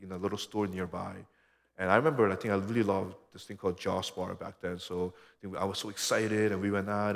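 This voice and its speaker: A deep-voiced Korean man around his thirties preaches a sermon as a pastor, earnest and conversational, often dropping into a soft hush. A long hall reverb surrounds his voice.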